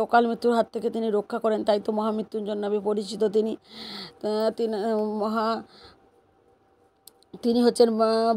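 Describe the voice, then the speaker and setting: A woman calmly explains a home worship ritual, pausing often and hesitating as she talks. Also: on the high side. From West Bengal, India. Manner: calm and unhurried, with frequent hesitations. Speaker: devotional vlogger.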